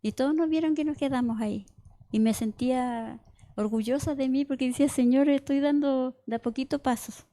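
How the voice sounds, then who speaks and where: A middle-aged woman preaches in a loose, conversational way and weaves in her own stories. She repeats and restarts words and keeps asking her listeners "¿cierto?". Her voice sits a little high, with a mellow, warm tone. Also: fairly quick. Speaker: church member preaching. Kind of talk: informal sermon with personal testimony.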